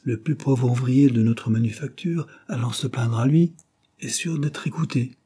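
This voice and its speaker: A man's voice: mid-range voice, moderate pace, mellow, breathy edge, pitched above the performer's own voice, natural voice. A man reading a dry, sober Quaker clerk. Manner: dry, brief, formal speech.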